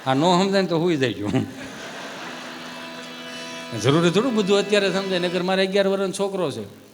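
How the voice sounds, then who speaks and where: A man's voice: sits high, brisk, long reverb tail, music in the background. A man telling comic stories on a live stage. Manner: lively storytelling. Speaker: stand-up comedian. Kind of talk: live Gujarati folk comedy.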